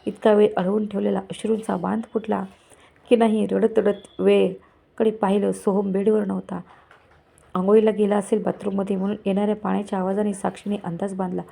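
A woman narrating a family moral story in a steady, even storytelling manner. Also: medium pitch, a little fast, vocal fry, breathy edge.

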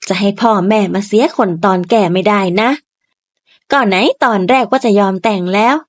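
A woman's voice: mid-range voice, moderate pace, dry recording, natural voice. A woman voicing a wealthy village mother who scolds her daughter in a storybook reading. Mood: indignant.

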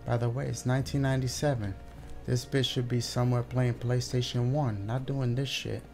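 Creaky-voiced man, nervous horror game streamer. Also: mid-range voice, little pitch movement, moderate pace, darkish tone, faint music behind. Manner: nervous, scared horror gamer, swearing often. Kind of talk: casual live game commentary, talking to viewers.

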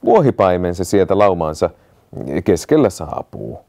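A man doing a calm storybook watchman. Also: low voice, vocal fry, full character voice. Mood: calm report. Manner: measured, unhurried replies. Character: calm steady castle watchman. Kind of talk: storybook reading.

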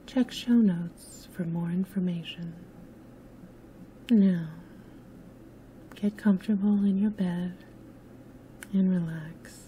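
A woman with a very mellow, dark-toned voice narrates a sleep story. She is soft-spoken and soothing, often drifting near a whisper. Her pace is very slow and unhurried, with faint noise behind her. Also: lowish voice, steady tone. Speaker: host and narrator of sleep stories.

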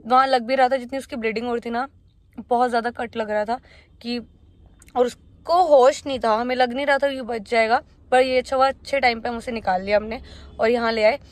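A woman's voice: fairly high pitch, steady tone, a little fast, no echo. A young woman in her twenties, talking casually to her phone camera from inside a car, chatty and mixing in English words. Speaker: vlogger. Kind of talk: casual vlog narration. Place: inside a parked car by day. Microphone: phone held at arm's length.

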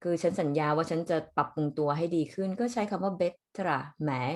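Low-voiced Thai woman teaching. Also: normal speed. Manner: chatty, frequent polite sentence endings. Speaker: Swedish language teacher. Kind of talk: explaining dialogue phrases to students.

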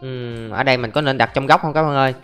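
A young gaming YouTuber narrates every step of his Let's Play in a mid-range, steady, slightly bright voice, talking fast and calling out to viewers. Faint background music plays.

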